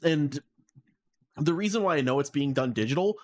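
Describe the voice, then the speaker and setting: His voice runs a little high, with lively intonation and a moderate pace. As co-host of a laid-back podcast, he chats casually and rants in exasperation, rambling and leaning on fillers, all picked up by his mic on an online call.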